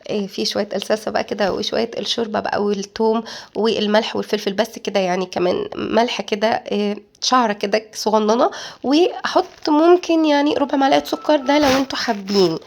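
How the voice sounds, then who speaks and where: Fast-talking Egyptian woman cooking host. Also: mid-range voice. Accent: Egyptian Arabic. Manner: chatty, addresses viewers directly. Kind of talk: casual cooking vlog narration.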